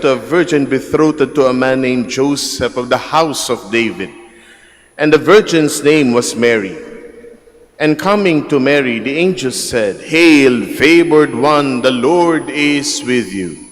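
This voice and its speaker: A man, a priest reading the gospel at Mass in a slow, measured way, his voice carried by a cathedral echo. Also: mid-range voice. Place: large church. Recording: long church reverb from the PA.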